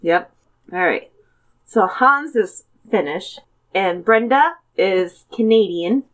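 A woman's voice: mid-range voice, lively intonation, takes it slowly. Giggly rambling woman chatting. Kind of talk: casual brainstorming chat.

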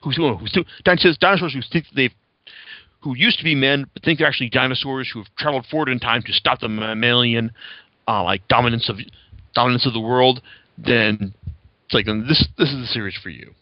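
Brisk and medium-pitched, a man hosts a podcast, chatting loosely and reviewing things with rambling, swear-filled excitement. His voice comes through dry, with a somewhat dull lo-fi quality.

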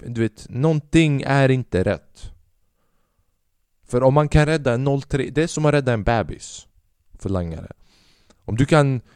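A man's voice: mid-range voice, warm tone, clean tone, no room sound, clean studio sound. A man hosting a podcast, telling rambling comedic stories full of swearing and acted-out dialogue. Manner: profane, rambling, acts out quoted people. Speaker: podcast host. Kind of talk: casual comedic storytelling monologue.

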